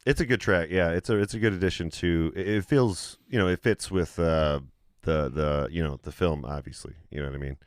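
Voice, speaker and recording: A man's voice: low voice, a little fast, no echo, clean studio sound. A man hosting a casual chat about a film soundtrack, laid-back, with lots of fillers and "yeah, yeah" agreements. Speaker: podcast host.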